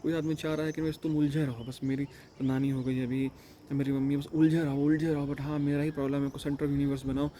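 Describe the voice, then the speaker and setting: A man who teaches yoga courses, talking in a rambling casual monologue and retelling phone calls in quick quoted bits. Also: a little high, level tone, dark tone, a little hiss or hum.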